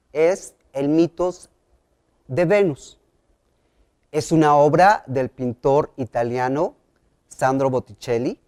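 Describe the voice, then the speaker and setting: A man teaching a televised school lesson, speaking clearly and asking the class questions. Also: on the high side, a little mellow.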